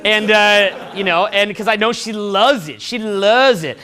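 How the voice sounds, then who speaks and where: A man's voice: high voice, measured pace, pushed and bright, smooth. A man giving a profane, boastful talk to a room of men about dating, often laughing at his own stories.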